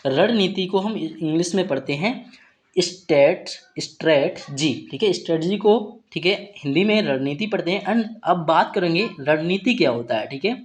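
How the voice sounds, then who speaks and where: A woman's voice: fairly low pitch, lively intonation, normal speed. A woman teaching an English vocabulary lesson, spelling words out letter by letter and checking in with a repeated "okay" after each point.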